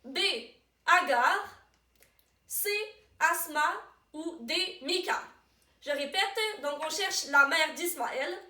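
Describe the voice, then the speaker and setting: A woman playing a chipper quiz co-host who reads questions slowly and deliberately. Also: high voice, sharp tone, exaggerated voice. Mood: playful. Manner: deliberate, slow question reading. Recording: roomy sound, far from the mic.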